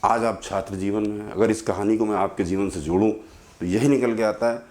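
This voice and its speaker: A man's voice: on the low side, fairly even intonation, a little fast, darkish tone. A male teacher tells a moral story during a school lesson, speaking directly to his students in an earnest, moralizing manner.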